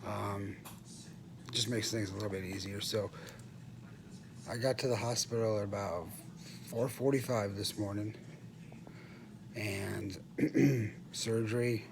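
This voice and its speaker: Low-voiced, halting middle-aged man, noisy room. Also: steady tone. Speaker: patient recording a post-surgery update. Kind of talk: casual vlog monologue. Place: hospital room. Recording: clearly noisy room ambience.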